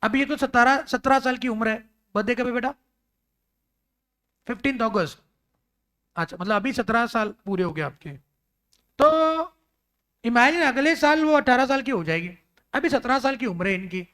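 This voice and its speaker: A man's voice: extremely high pitch, lively intonation, moderate pace, pauses often, pushed and bright. A man teaching a law lecture in a classroom, acting out little scenes and talking with students, mixing in English terms.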